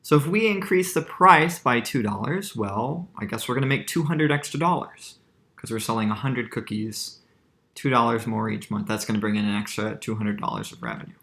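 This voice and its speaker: A man in a relaxed classroom-style lecture, walking through a worked math example at an easy pitch. He keeps checking in with a quick "right?" and often restarts his phrases as he thinks aloud. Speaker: math teacher. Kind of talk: casual lecture explaining calculus with slides.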